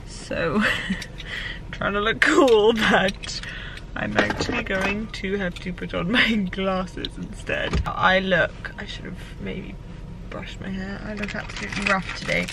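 A young woman talks casually into a handheld camera, hungover and groggy, poking fun at herself and sliding into soft murmurs and whispers. Her voice sits at an ordinary middle pitch. Steady background noise runs under the audio. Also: takes it slowly. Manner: chatty, self-mocking, drops to murmurs and whispers. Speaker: lifestyle vlogger. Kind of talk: casual vlog chat to camera.

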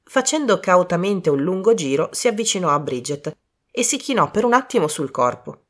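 A woman reading a short story aloud as narrator, in an even, steady storytelling voice. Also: lowish voice, normal speed. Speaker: audiobook narrator.

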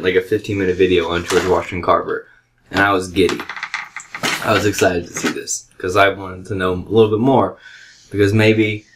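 A man's voice: deep voice, noisy background. An American man in casual comedic podcast chat, telling rambling stories in an irreverent, ranting way. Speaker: podcast host.

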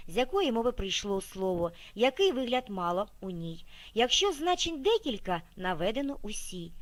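Higher-voiced woman reading scripted narration. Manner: measured, expressive reading of word lists. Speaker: library narrator.

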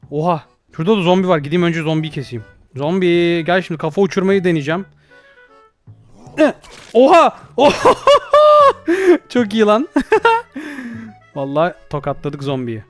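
A young man doing jokey let's play commentary, panicking, yelping for help and joking at the game. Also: high-pitched. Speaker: gaming YouTuber.

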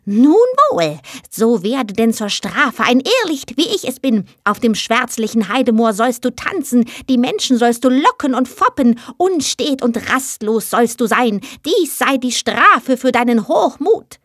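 A woman's voice: sits high, big pitch swings, measured pace, no echo, studio quality, pitched above the performer's own voice, full character voice. A woman voicing a tiny, wrinkled male heath spirit who is proud and spiteful, speaking in grim, commanding pronouncements in a storybook reading.

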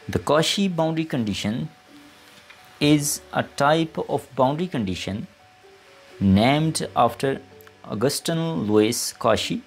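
Man, mid-pitched, creaky, deliberate dictating delivery, scripted lesson narration, faint background music. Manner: deliberate, reading aloud in short phrases as if dictating. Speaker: maths lecturer.

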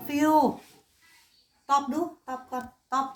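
A woman's voice: slow pace, a bit bright, echoey room. A woman in her forties with an Isan accent, chatting casually to the camera as a vlogger. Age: 40s. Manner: chatty, switching between Central Thai and Isan words.

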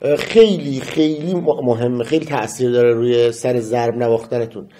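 A man teaching metronome practice in a casual lesson, counting beats aloud and humming a melody slowly. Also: mid-range voice, fairly even intonation, dark tone. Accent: Persian. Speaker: music teacher.

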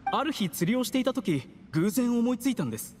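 A man's voice: very high voice, big pitch swings, a little fast, a little mellow, long reverb tail, full character voice. A man voicing a timid, scheming official in an anime game, speaking in an obsequious, humble and apologetic manner. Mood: modest. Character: timid, servile male official, meek scheming poisoner.

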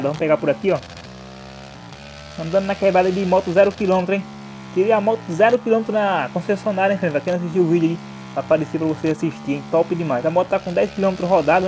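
A young man with a Brazilian accent talks fast and excitedly in a high voice, stacking slang and tag words as he hosts his own motorcycle vlog. A faint hiss and vehicle noise sit behind him. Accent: Brazilian Portuguese. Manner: hyped, slangy, repeats tag words like "né" and "hein". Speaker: motovlog host.

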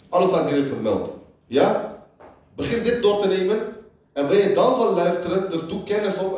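A religious lecturer with a high-pitched, darkish voice gives a sermon, repeating lines for emphasis and half-singing quoted lyrics. He is captured from far off in an echoey hall.

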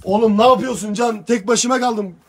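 A man's voice: very high-pitched, steady tone, moderate pace, slight background noise. A young man on a night ghost-hunting vlog, frightened and pleading, muttering prayers under his breath. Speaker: treasure-hunting vlogger. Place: abandoned village outdoors at night.

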